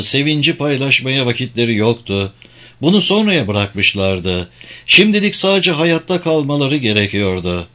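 A man reading an adventure novel aloud in measured, dramatic audiobook narration. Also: medium pitch, fairly bright tone.

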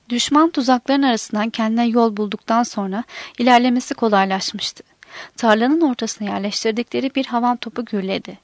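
A woman reads a novel aloud in a steady, measured way. Her voice sits somewhat high, and the sound is dry and close with no room echo. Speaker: narrator. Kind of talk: scripted narration of a war novel.

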